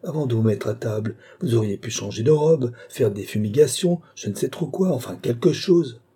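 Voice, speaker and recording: A man voicing a blustering, cowardly gentleman in an audiobook, agitated and indignant, insisting he fears nothing. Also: on the low side, expressive, a little fast, husky. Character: blustering, cowardly gentleman who claims no fear. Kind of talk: audiobook character voice.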